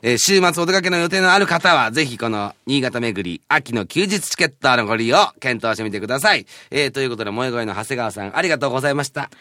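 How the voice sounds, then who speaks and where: A man's voice: mid-range voice, expressive, fast, hardly any pauses, sharp tone, no room sound, clean studio sound. A man hosting a radio show in a chatty, casual style.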